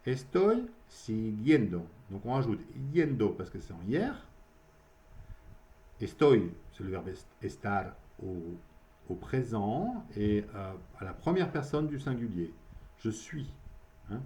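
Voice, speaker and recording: Man teaching Spanish, lively patient explainer. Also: on the low side. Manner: explains in French, models Spanish slowly, checks with "ok?". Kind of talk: beginner grammar lesson.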